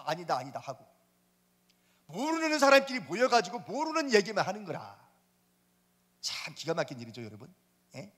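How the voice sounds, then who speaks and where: A man preaches in a high voice that swoops up and down with great animation, dramatic and emphatic as he acts out scripture and calls to the congregation. His voice is husky, and a long reverb trails behind it in the church hall. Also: fairly bright tone. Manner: dramatic, voices God and Job in turn, addresses the congregation as 여러분. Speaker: pastor. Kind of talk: sermon. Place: church sanctuary.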